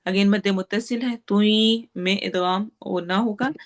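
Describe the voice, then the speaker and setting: A woman teaching Quran recitation rules, reciting each phrase slowly and drawn out, then explaining the rule quickly in plain classroom speech. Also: medium pitch, fairly even intonation. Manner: gives students homework and practice.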